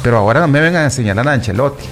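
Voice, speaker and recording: Over soft background music, this man speaks in an expressive, rapid-fire, medium-pitched voice. As a football commentator sharing his views with regular listeners he calls "chicos," he wanders, repeats points, and keeps restarting with lots of fillers in a casual, opinionated chat.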